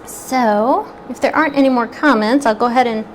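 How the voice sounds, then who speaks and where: Chatty and upbeat, a woman leads a live cooking demo, eating while she talks and occasionally moving away from the microphone. Her voice sits on the high side, her pace is a little fast, and there's slight background noise.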